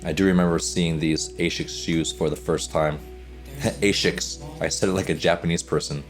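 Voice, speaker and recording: Deep-voiced upbeat male coach. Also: steady tone, normal speed, faint music behind. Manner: upbeat, chatty, breaks down what he sees. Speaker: volleyball coach and reaction host. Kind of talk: casual reaction commentary.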